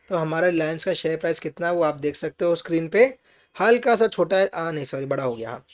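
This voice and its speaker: A man teaching finance in an online class lecture. He explains patiently, asks rhetorical questions, checks on his students and mixes English phrases into his talk. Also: high-pitched.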